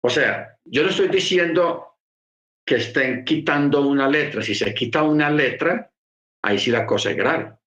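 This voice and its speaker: A man's voice: on the high side, moderate pace, a bit bright, roomy sound. A man preaching a sermon, explaining patiently and repeating key phrases for emphasis. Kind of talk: sermon teaching.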